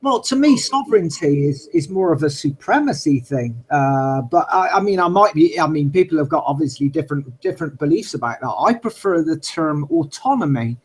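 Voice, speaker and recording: Male podcast co-host from the UK, husky and slightly high, measured and thoughtful. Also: expressive, poor audio. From United Kingdom. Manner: thoughtful, hedging with fillers. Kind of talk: casual discussion.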